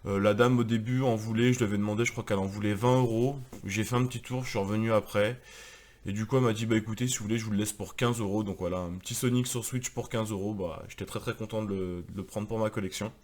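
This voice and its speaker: A man's voice: on the low side, steady tone, fast talker, darkish tone. Chatty man presenting his games. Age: adult, married with a daughter. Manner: chatty, rambling, many fillers. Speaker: YouTuber presenting his game collection. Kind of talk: casual video chat.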